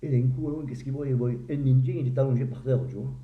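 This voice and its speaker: A man's voice: medium pitch, steady tone, fast, slight background noise. A man telling crude jokes in a casual way, acting out the characters and laughing at his own punchlines. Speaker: joke teller. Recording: echoey, tinny phone-like sound.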